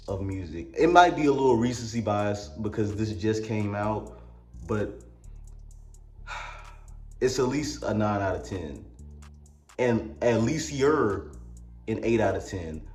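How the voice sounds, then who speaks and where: Rambling Mississippi man with a low voice. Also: darkish tone, reverberant. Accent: Mississippi Southern US. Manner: rambling, crude joking asides. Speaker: music reviewer. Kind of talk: comedic album review vlog.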